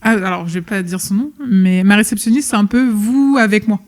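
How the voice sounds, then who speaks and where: A woman's voice: mid-range voice, steady tone, fairly quick, a little mellow. Chatty woman podcast guest. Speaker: guest, restaurant owner. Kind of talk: casual chat.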